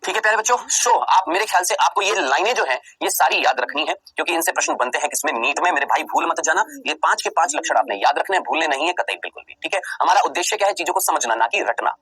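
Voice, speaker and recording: A man teaching a biology exam-prep lecture, who asks rhetorical questions and answers them himself, repeats key terms slowly for emphasis, and plays his students' replies. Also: a little high, very animated, sharp tone, slightly rough, poor audio.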